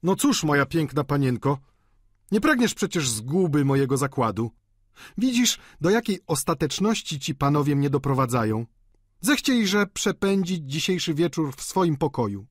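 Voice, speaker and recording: A man reading an audiobook voices a fretful, wailing middle-aged landlady in a high, pleading voice. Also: very animated, normal speed, no echo, studio quality. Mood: coaxing.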